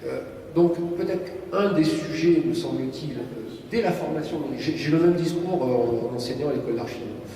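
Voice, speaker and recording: Mellow prof guy thinking out loud on a panel, far from mic, echoey. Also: on the high side, a little fast, slight background noise. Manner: discursive, hesitant, academic. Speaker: panelist who teaches architecture. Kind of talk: spontaneous panel discussion. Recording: echoey hall, distant mic.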